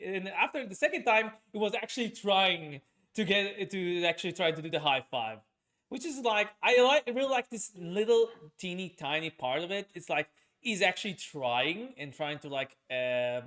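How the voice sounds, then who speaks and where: A streamer and podcast host rambles through a casual chat with a raised voice, high-pitched and expressive at a moderate pace, a bit bright. He's full of fillers and restarts.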